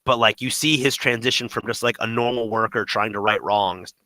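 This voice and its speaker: A man's voice: lowish voice, fairly even intonation, fairly quick, pushed and bright, no room sound, rough recording. A man chatting animatedly about a video game on a podcast, laughing as he tells stories. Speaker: podcast co-host. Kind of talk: casual gaming podcast chat.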